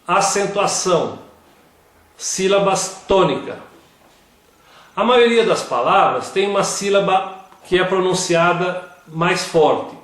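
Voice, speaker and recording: A man giving a slow scripted grammar lesson, reading word examples one at a time. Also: high voice, animated, fairly bright tone. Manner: reads word lists one by one. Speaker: grammar teacher. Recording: very echoey room.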